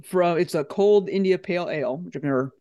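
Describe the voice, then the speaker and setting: A man's voice: high voice, fairly quick, warm tone, smooth. A man co-hosting a podcast, chatting casually about beer with lots of fillers. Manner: laid-back, rambling with fillers. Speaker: podcast co-host. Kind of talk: casual chat.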